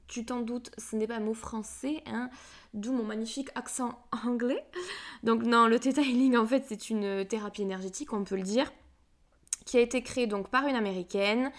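Young woman, solo podcast host, fairly high voice, casual and chatty, self-mocking asides. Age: 20s. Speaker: podcast host, energy healer.

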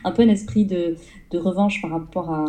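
Woman guest, very dark mellow tone, a little low, hesitant storyteller. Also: steady tone, brisk, rough recording. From southern France. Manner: hesitant, many fillers, storytelling. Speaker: guest entrepreneur. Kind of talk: casual interview.

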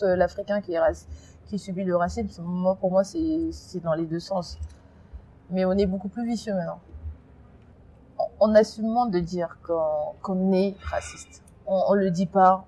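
A woman from France being interviewed, talking in an emphatic, animated way with many restarts. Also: on the low side. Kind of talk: casual interview.

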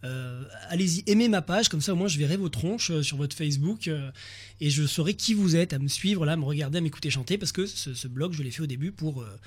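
Male guest, husky, rapid and halting, chatty. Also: a little high. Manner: fast, hesitant, many restarts and fillers. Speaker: guest, ukulele video maker. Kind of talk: radio chat.

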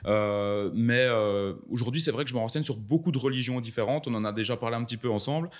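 Fast-talking casual male podcast host. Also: medium pitch. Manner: agreeable, frequent backchannel, casual.

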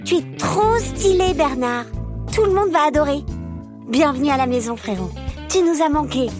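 A woman's voice: high voice, animated, moderate pace, over music, pitched above the performer's own voice. Woman doing a bubbly little sister crab. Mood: gushing. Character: enthusiastic young girl crab, little sister.

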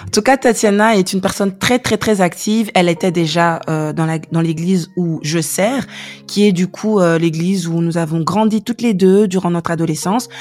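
A Belgian woman hosts a faith podcast, conducting a warm, chatty interview full of fillers and restarts. Her voice is lowish and darkish in tone, and she speaks at a moderate pace.

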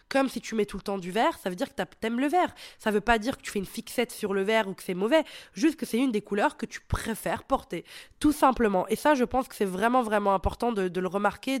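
A woman's voice: mid-range voice, no room sound, clean studio sound. A young woman hosting a casual advice podcast, blunt and playful, swearing freely and talking straight to the listener, a little sick, on a headset mic. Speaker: podcast host.

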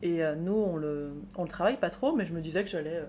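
A woman's voice: lowish voice, fast talker, mellow, a little hiss or hum. A woman hosting a podcast interview in a chatty, conversational way, with fillers. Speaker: podcast host.

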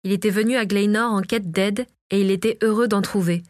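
Woman narrator, audiobook reading, dry close voice, mid pitch, measured. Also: fairly even intonation, no echo.

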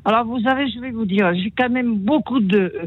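A woman's voice: fairly high pitch, normal speed, breathy edge. An elderly woman, telling personal stories in a rambling, exclamatory, joyful way as a phone-in caller. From France. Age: elderly, great-grandmother. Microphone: telephone. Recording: dull band-limited phone call on radio.

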